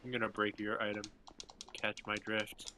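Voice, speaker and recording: A man's voice: lowish voice, completely flat delivery, normal speed, pushed and bright, slight background noise. A young man on voice chat with gaming friends, throwing in crude puns and silly remarks. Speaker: gamer on voice chat. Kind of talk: casual gaming banter.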